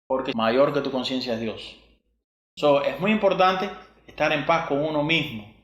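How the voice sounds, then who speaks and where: A man's voice: medium pitch, moderate pace, a bit bright. A man, possibly, preaching a sermon, asking rhetorical questions and repeating verses. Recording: echoey room.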